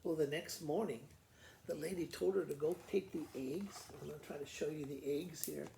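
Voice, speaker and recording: A school principal shares a children's story with pupils in a gravelly, mellow, slightly high voice at normal speed. The telling is simple and conversational with informal explanations woven in, and the recording carries roomy echo and faint background noise.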